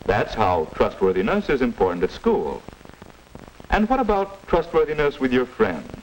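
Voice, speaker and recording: 1950s instructional film father, American accent, moralizing, patient, didactic, animated mid-pitched voice, noisy vintage soundtrack. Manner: measured, didactic, gently questioning. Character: patient, moralizing middle-aged father advising his child.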